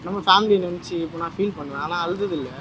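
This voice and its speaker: A man's voice: high-pitched, very fast, a crowd in the background. A young man answering street interview questions outdoors, earnest and rambling, a little defensive.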